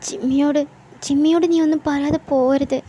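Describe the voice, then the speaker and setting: A woman's voice: sits high, level tone, brisk, mellow, natural voice. A woman voicing a worried mother who anxiously questions and coaxes her daughter. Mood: pleading.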